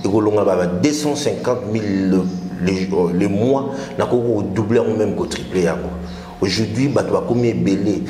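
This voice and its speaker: A man's voice: on the low side, warm tone. Emphatic man, echoey room. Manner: emphatic, mixes French and Lingala. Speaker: political guest. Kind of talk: political talk show discussion.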